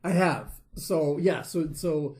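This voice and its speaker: A man guesting on a podcast, telling a story in a relaxed way with many fillers. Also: on the high side, takes it slowly. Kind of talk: casual storytelling.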